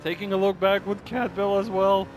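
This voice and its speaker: Over clear engine noise, this high-voiced male esports commentator gives excitable live coverage of a race at a moderate pace with fairly even intonation. He speaks informally, exclaiming often and hesitating between phrases, and his strained voice seems close to giving out.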